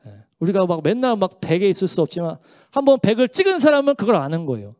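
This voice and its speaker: A man's voice: sits high, very animated, fast talker, darkish tone. A man pastor giving an earnest, emotional testimony during a church service. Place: church sanctuary during worship.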